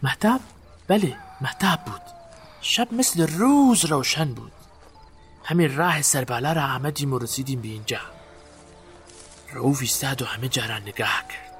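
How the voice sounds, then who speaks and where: An actor playing a guilt-haunted man recalling a night burial, in a halting, haunted way. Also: mid-range voice, lively intonation, fairly bright tone, faint music behind. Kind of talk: audio drama acting.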